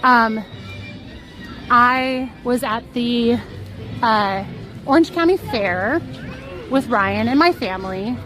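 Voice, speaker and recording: With park music and crowd chatter behind her, a woman streams live from a rainy theme park, casually spinning a story for her chat while giggling and poking fun at herself. She speaks slowly in a slightly high, fairly bright voice, pausing often.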